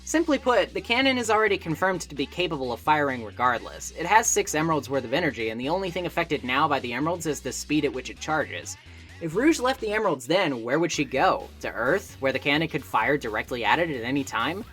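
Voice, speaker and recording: Speaking fairly quickly in a low voice, a woman delivers a scripted video essay with animated, shifting intonation. She explains things conversationally, dropping in wry asides, while faint music plays behind her.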